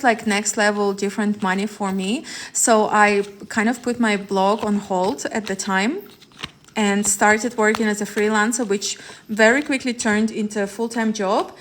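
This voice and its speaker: A woman talks to viewers on a live tarot stream, rambling and restarting often. Her pitch sits in an ordinary middle range. A faint hiss runs under her phone-mic voice. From Ukraine. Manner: chatty, rambling, laughs often, many fillers and restarts. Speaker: tarot reader.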